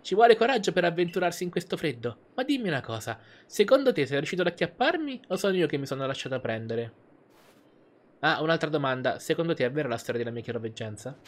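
A man's voice: a little high, sing-song, fast. A man reading aloud the lines of a playful, teasing young girl trickster from a game.

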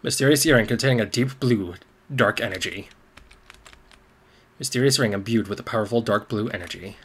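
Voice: mid-range voice, brisk, fairly bright tone, a little hiss or hum. A gaming video host giving casual playthrough commentary and reading on-screen text aloud, with game music behind.

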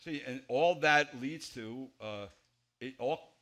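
Pastor, male, 40s, preaching from a church pulpit, bright forceful voice, big emphatic swings. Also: slow pace. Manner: emphatic, gesturing widely, swings between loud stresses and quiet low drops. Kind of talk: expository sermon.

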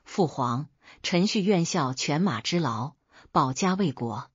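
A woman voicing an earnest, dutiful young male scholar in a storybook tale, speaking in a solemn, slightly lowered voice. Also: expressive, unhurried, slightly rough, dry recording, dull audio, full character voice. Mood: resolute.

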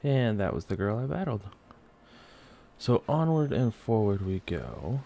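A man's voice: on the low side, very animated, unhurried, vocal fry, mellow, slight background noise. A man giving casual Let's Play commentary as a gaming YouTuber, chatting to the game and its creatures as he plays. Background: faint game music.

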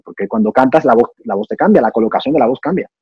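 A man's voice: mid-range voice, animated, fast talker, breathy edge, dry recording, lo-fi sound. A young man, an actor and singer, talking through ideas in a casual interview, thoughtful and full of restarts. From Cuba. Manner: thoughtful, explanatory, many restarts and fillers.

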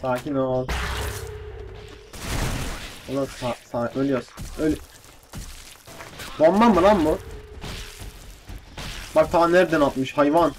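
A young man giving casual let's-play commentary, excitable and swearing, with frustrated outbursts. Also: on the high side, measured pace, long pauses, a little hiss or hum. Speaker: gaming YouTuber.

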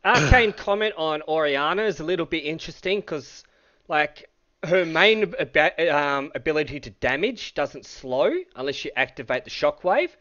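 A man's voice: a little high, expressive, normal speed, pushed and bright, dull audio. A man co-commentating a game, thoughtful and analytical, hedging his reads. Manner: thoughtful, analytical, hedges with "I reckon". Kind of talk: casual co-commentary.

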